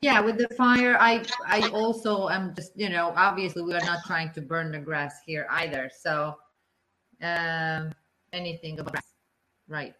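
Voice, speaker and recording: A woman's voice: fairly low pitch, fairly even intonation, unhurried, sharp tone, low-quality recording. Woman on a video call, uneven cutting-out volume, hesitant, hissy line with clicks. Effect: audio cutting out, uneven volume. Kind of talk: casual meeting talk.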